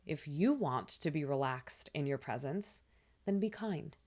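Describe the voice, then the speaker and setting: A woman hosting a spiritual astrology channel, talking in a soft, soothing way with casual fillers. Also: on the low side. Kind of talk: gentle spiritual talk to camera.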